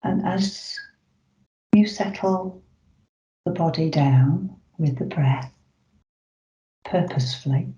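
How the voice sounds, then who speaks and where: Soft-spoken meditation guide, warm roomy sound. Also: medium pitch. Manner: soft, slow, soothing delivery with drawn-out pauses. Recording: roomy, slightly dull recording.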